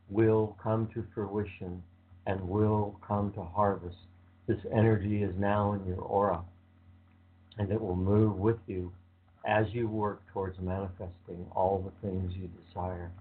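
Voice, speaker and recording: A man leading a guided visualization meditation with slow, calm, soothing instructions. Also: fairly low pitch, slightly rough. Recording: tinny phone-like sound.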